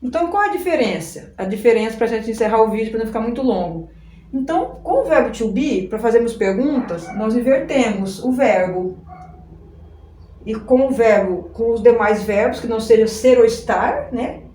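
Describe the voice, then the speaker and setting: A Brazilian woman teaches English in a relaxed, patient way, repeating points and checking in with her students. Her voice is warm and on the high side. The recording is roomy and echoey, with faint background noise. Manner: explains slowly and repeats, often tags "né?" and "ó". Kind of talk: informal video lesson.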